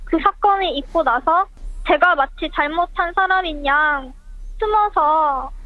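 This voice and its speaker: Anonymous phone guest, pitch-shifted voice disguise raised high, halting delivery, tinny line. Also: no room sound. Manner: halting, hesitant speech with many pauses. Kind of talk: radio phone interview. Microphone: telephone.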